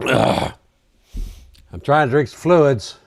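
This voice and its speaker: In a dry, clean studio-sounding recording, a man takes it slowly, his mid-range voice creaky and growing worn as he loses it. He hosts a live trading stream, casually chatting through market commentary and answering viewers' questions while reading charts.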